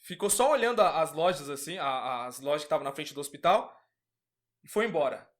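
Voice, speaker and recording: A man's voice: fairly high pitch, lively intonation, brisk. A man casually telling a personal religious testimony, earnest, acting out the dialogue as he goes. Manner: earnest storytelling, acts out quoted dialogue. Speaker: podcast guest giving testimony.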